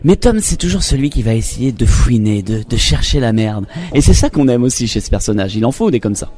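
A man's voice: medium pitch, big pitch swings, a little fast, dark tone. A man hosting a chatty broadcast interview in an effusive, complimentary manner. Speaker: interview host.

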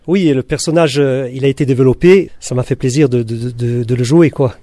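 Un acteur qui parle de son travail sur un film, simplement, en hésitant un peu. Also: male voice, medium pitch, fairly quick, warm tone. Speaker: actor. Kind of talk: press interview.

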